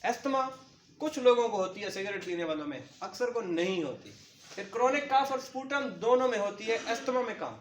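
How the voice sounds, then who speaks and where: A man's voice: high-pitched, lively intonation, fairly quick, reverberant, a little hiss or hum. A man giving a medical lecture to paramedic trainees, explaining through lists and patient examples.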